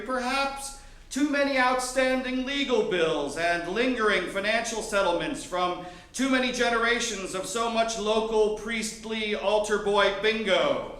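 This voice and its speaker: Onstage in a theater, a man from Miami performs a personal story live, his wry, sardonic delivery building up to mock outbursts. His voice sits high with a sharp tone, and the sound is roomy.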